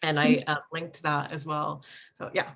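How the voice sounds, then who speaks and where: A woman's voice: deep voice, flat delivery, moderate pace, gravelly, fairly bright tone. A woman moderating an artists' panel, appreciative and rambling as she poses questions. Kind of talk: panel discussion.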